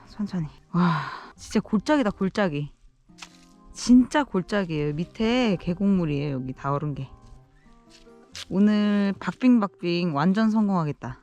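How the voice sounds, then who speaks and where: A woman talking casually to viewers on an outdoor vlog, nervously muttering to herself as she walks carefully. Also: mid-range voice. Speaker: solo backpacking vlogger. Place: outdoors in an icy valley.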